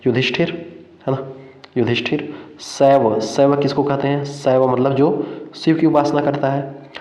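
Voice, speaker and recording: A man's voice: medium pitch, fairly even intonation, a little slow, a little mellow. A man teaching an online exam-prep lesson, repeating each term several times and quizzing his listeners. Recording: echoey, dull lo-fi room sound.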